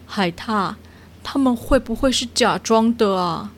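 A woman voicing a sensible, gentle owl who speaks in a calm, earnest way in a children's storybook. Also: on the high side, moderate pace, lightly acted.

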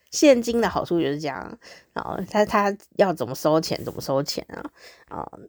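A woman's voice: sits low, very animated, normal speed, darkish tone, no echo, studio quality. A woman with a Taiwanese Mandarin accent, hosting her own show and telling everyday stories in a chatty, upbeat way. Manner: chatty and upbeat, easily amused. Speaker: podcast host. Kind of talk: casual storytelling monologue.

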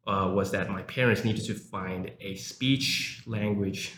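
This university English lecturer, a young man raised in South Africa, talks slowly in a lowish, fairly bright voice. As an interview guest he keeps things casual and fills his speech with fillers. Faint noise and room echo can be heard in the recording.

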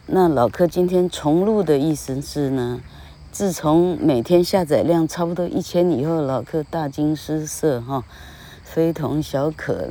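A woman's voice: low voice, mellow. A woman hosting a podcast English lesson, talking in a chatty, rambling way and tagging phrases with a little "ha". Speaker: English teacher podcast host. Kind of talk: casual spoken lesson.

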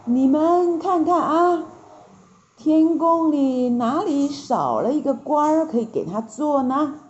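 A woman voicing a stately, lenient old male heavenly emperor in a storybook tale, speaking slowly and evenly. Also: sits high, expressive, darkish tone, lo-fi sound, voice pushed up. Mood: inquiring. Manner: slow and measured.

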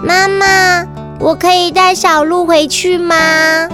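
A woman's voice: very high-pitched, level tone, slow, music in the background. A woman playing a tender, sensitive little girl with a childlike, wondering manner in a children's story. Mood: wistful.

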